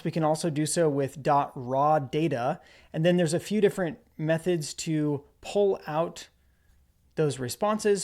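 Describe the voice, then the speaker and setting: A man giving a relaxed screen-recorded coding walkthrough, narrating as he types. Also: a little high. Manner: relaxed explanatory, narrates while typing. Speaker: developer presenter.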